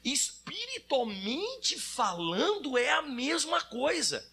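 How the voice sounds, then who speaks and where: High, bright-voiced preaching pastor. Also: male voice, takes it slowly, gravelly. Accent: Brazilian Portuguese. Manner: animated preaching, acts out children and adults. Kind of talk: sermon.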